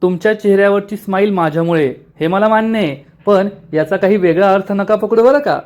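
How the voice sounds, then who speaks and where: A man's voice: high-pitched, fairly quick, darkish tone, lightly acted. Man playing an earnest young boss. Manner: formal, earnest.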